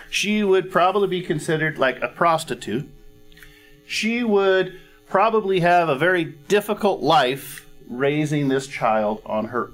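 A middle-aged male pastor preaches slowly and deliberately, in a slightly raised voice. He talks conversationally, often pausing to ask if everyone is following, and clears his throat now and then. Faint instrumental music plays softly behind him. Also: fairly high pitch. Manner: conversational teaching, frequent "all right?" check-ins. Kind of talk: sermon. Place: church stage with a cozy fireplace set.

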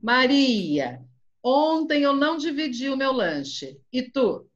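Lively, encouraging woman teacher on a video call. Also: high voice. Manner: brisk, encouraging, calls on students by name and praises. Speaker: Portuguese teacher. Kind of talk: online class drilling verb conjugations. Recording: dull, lo-fi video call audio.

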